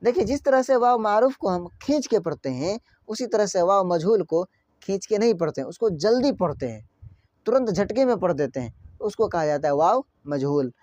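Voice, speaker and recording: Man, grammar teacher, repeats his questions, drawn-out examples, dry close sound. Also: sits high, expressive, darkish tone, no room sound. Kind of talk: online grammar lesson.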